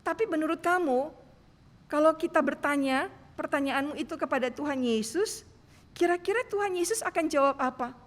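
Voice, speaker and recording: A woman playing a calm, patient male pastor. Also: sits high, normal speed, lightly acted. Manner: patient, gently questioning. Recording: long church reverb.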